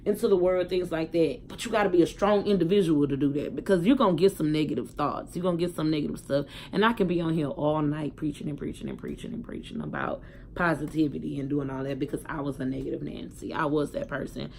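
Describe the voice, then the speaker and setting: A young woman speaks frankly into her phone. She talks in a candid, emphatic way and swears freely, swinging between loud outbursts and quiet thoughts. A faint hiss sits under her voice. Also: deep voice, fast, vocal fry. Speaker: vlogger. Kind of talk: casual personal storytelling to a phone camera.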